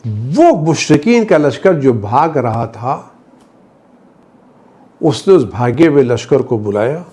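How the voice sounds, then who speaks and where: A man delivering a Friday sermon, telling the story with passion, his voice rising high for emphasis, then dropping low and quiet. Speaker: Shia cleric giving a Friday sermon. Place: studio.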